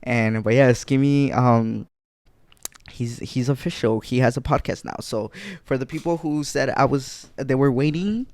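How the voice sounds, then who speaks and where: A young man in his twenties chats casually into a desk mic at home, rambling and often restarting his sentences as he addresses his listeners. His voice is smooth and clear, with a dry, close sound and no room echo. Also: mid-range voice, unhurried, darkish tone. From Guatemala. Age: 20s. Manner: rambling, self-correcting, chatty with listeners. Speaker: podcast host. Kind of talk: casual solo podcast chat.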